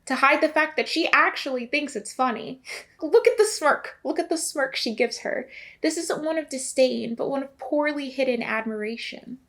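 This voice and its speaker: A woman's voice: high voice, fairly bright tone. A young woman narrating a video essay in a casual, chatty way, with asides to the viewer.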